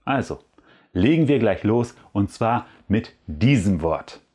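Slow, husky man teaching pronunciation. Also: fairly low pitch, lively intonation, darkish tone. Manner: slow, careful pronunciation drills with repetition. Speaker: language teacher and channel host. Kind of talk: language lesson.

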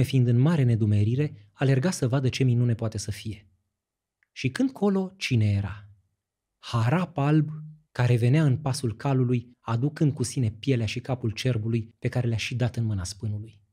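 A man narrating a classic fairy tale in an expressive, lively storytelling manner. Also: medium pitch, slightly rough. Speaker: audiobook narrator.

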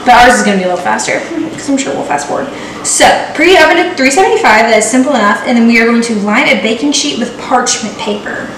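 Bubbly and playful, a young adult vlogger jokes her way through a casual home baking video. She talks fast in a slightly high voice with lively intonation. The far-off camera captures an echoey kitchen with some noise.

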